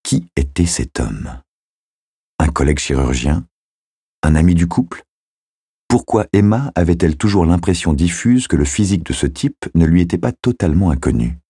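A man reads a novel aloud in a measured, steady storytelling manner. His voice is extremely deep, dark and husky. He sits close to the mic in a dry, dead booth. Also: no room sound. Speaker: audiobook narrator. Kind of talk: scripted narration.

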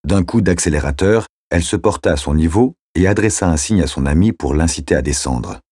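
A man reading a novel aloud as narrator in a measured, steady way. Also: low voice, breathy edge, dry recording, studio quality. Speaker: audiobook narrator. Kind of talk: scripted narration.

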